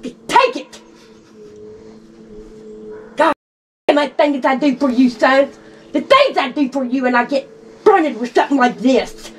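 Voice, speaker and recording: A woman's voice: high voice, lively intonation, normal speed. A mother, upset and near tears, scolding and pleading with her son. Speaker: suspect's mother. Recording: distant mic with loud background noise.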